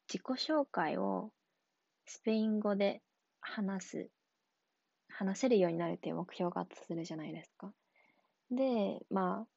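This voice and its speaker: A young adult woman talking casually on her own, relaxed and rambling, with many fillers and frequent laughs. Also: medium pitch, creaky, husky, no room sound, highs cut off. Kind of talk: casual solo talk.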